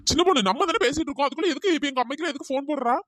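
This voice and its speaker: A voice actor playing a tall, exasperated husband in a comic cartoon, bickering and then pleading through a pitch-shifted cartoon voice. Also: rapid-fire, a bit bright, no room sound, studio quality. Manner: scolding, then fawning and pleading. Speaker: cartoon character.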